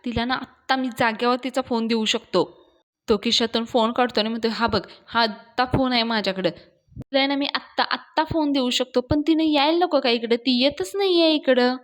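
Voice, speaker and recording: Brief: irritable young male mechanic, high and loud, put on by a woman storyteller. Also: a little fast, close to an everyday voice. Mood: irritated. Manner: irritable, scolding. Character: hot-tempered young male garage worker.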